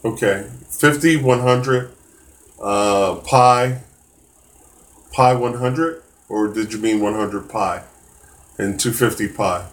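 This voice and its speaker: A man's voice: on the low side, slow, pauses often. A man teaching a live-streamed test prep math lesson, casual and encouraging, with many fillers and restarts.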